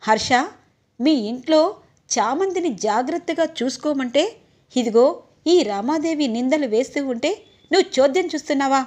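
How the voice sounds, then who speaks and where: A powerful elder matriarch, put on by a woman narrator. She commands and threatens in a high, loud voice. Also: lively intonation, normal speed. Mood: commanding.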